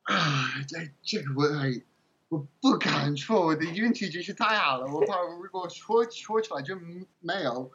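A foreigner, a native English-speaking man, chatting casually in English-accented Mandarin as an interview guest, halting as he searches for words and slipping into English. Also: fairly high pitch, animated, fairly bright tone, dull audio, a little hiss or hum. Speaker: interview guest, game translator.

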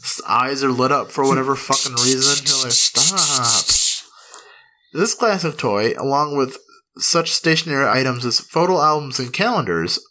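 A man's voice: medium pitch, pushed and bright, poor audio. A man hosting a comedic history podcast, mixing narration with playful, profane casual chat. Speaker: podcast host.

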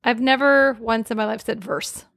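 Woman, podcast co-host, casual chat, dry close mic, slightly high pitch. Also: steady tone, normal speed, vocal fry, fairly bright tone, no echo. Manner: laughing, teasing, conversational.

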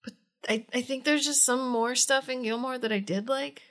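A woman co-hosting a podcast in casual chat, animated and teasing, laughing often. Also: sits high, moderate pace. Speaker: podcast co-host.

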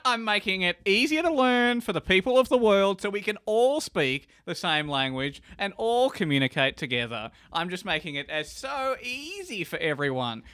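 Man, mock debate, playfully pompous, bright voice, dry sound. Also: high-pitched, smooth, no room sound.

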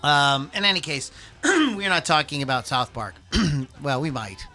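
A man's voice: on the high side, big pitch swings, a little slow, pushed and bright. A man hosting a podcast in an informal, rambling, chatty way with music playing behind him. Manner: informal, rambling, self-deprecating. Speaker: podcast host. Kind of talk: casual podcast chat. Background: background music.

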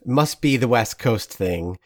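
A man's voice: mid-range voice, lively intonation, slow pace. A man hosting an interview podcast, enthusiastic and rambling, laughing often with his guest. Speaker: podcast host. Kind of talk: casual interview chat.

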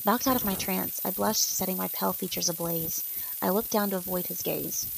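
A woman's voice: medium pitch, fairly even intonation, fairly quick, vocal fry, slight background noise, rough recording. A woman reading a first-person story aloud and speaking the characters' lines in nearly her own voice. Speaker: narrator.

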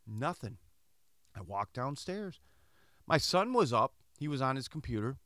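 A man's voice: medium pitch, a little slow, no room sound, studio quality. A middle-aged man from Michigan, hosting a podcast and telling a story in a casual monologue, acting out the dialogue. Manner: animated, acts out dialogue in quoted voices. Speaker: podcast host.

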